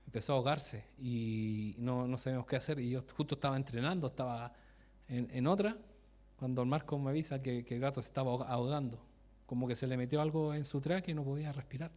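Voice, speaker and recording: A man's voice: medium pitch, fast talker, a little mellow. A man giving a conversational sermon, often breaking off mid-sentence, asking his listeners direct questions and laughing at his own stories. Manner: asks the congregation direct questions. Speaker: preacher.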